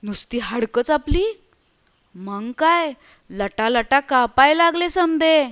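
A woman voicing a frightened village man who tells a ghost tale in hushed, stammering, earthy speech, as part of a storybook reading. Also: sits high, expressive, takes it slowly, heavily acted. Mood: spooked.

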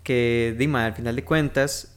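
A man with a Costa Rican accent, a podcast guest talking in a relaxed, reflective way with local slang. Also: medium pitch, unhurried. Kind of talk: casual chat.

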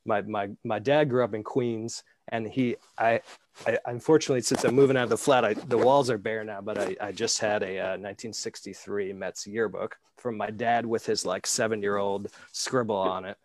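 A fairly low-pitched man from New York talks in a steady tone at a moderate pace, with a bit of hiss or hum. As an amateur pitcher guesting in a Scottish flat, he rambles through casual stories with frequent hesitant fillers.

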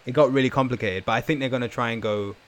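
A man's voice: medium pitch, very fast. A man chatting casually on a podcast, emphatic and repeating his phrases. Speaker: podcast panelist.

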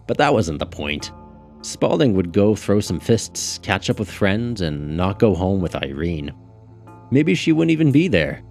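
A man narrating a novel in an audiobook, in a steady, measured way. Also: deep voice. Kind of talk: scripted narration. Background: faint music.

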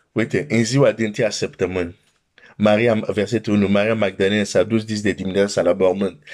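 A man from Romania, with a fairly low voice, preaches a sermon. He reads scripture in a measured way, then breaks into animated, emphatic comments. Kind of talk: sermon with Bible reading.

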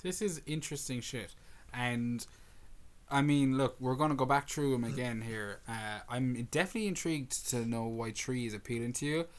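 A man's voice: mid-range voice, normal speed. Casual man swearing in podcast chat. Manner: swears casually, sums up and prompts his co-host. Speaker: podcast co-host. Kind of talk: casual fantasy football chat.

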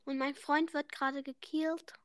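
A young woman co-hosting a casual podcast while gaming, excitable and shrieking at the game. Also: high voice, unhurried, no echo. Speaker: podcast co-host.

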